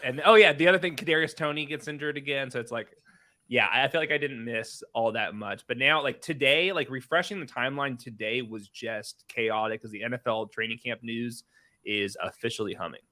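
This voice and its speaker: Male analyst, casual and rambling, bright mid-pitched voice. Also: a little fast. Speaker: co-host analyst. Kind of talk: casual podcast chat.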